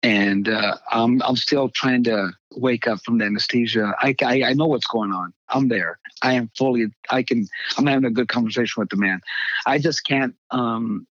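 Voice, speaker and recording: An older man, a pastor, telling a personal testimony in halting conversational speech, acting out the voices he quotes. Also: medium pitch, fairly bright tone, no echo, highs cut off. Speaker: pastor, guest.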